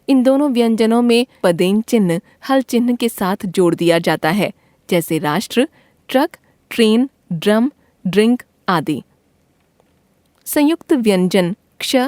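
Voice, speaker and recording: A woman reads a textbook grammar lesson aloud at a very slow, deliberate pace, spelling out each letter and example word one at a time. Her voice sits at an ordinary middle pitch. The sound is close and dry, with no room echo. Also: a little mellow. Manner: slow, careful reading of letters and word lists. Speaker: teacher.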